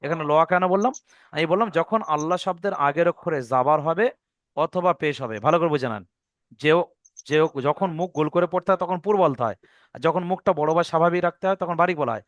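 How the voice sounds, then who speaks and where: A man's voice: a little high, fast talker, no echo, highs cut off. A man teaching Quran recitation rules, explaining patiently and repeating each point. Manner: patient, repeats rules step by step, checks understanding. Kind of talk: online Quran reading lesson.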